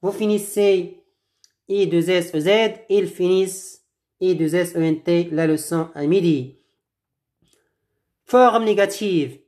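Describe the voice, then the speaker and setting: A woman teaching French conjugation, speaking slowly and deliberately, spelling out verb endings letter by letter and repeating each sentence for learners to echo. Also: lowish voice, darkish tone. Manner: slow, deliberate, repeats each form aloud for the class to echo; occasional restarts and spelling aloud of letters. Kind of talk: slow classroom lesson with spelled-out endings and repetition.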